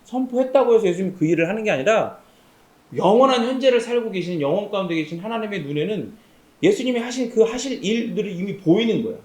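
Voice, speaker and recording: Man, pastor, high animated preaching voice, asks the audience questions, roomy echo. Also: fast talker. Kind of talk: sermon. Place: camp meeting room.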